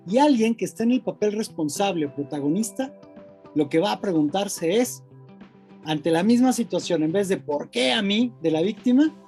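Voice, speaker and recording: A Mexican man giving a lively, colloquial motivational talk, acting out voices of the mind and a friend. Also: sits high, slightly rough. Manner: animated, colloquial, acts out inner voices. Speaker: speaker.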